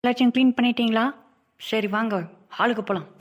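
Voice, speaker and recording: A woman's voice: a little high, steady tone, highs cut off, lightly acted. A woman voicing a mother in a homemade cartoon who nags and scolds her two daughters. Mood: scolding. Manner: nagging, quick scolding.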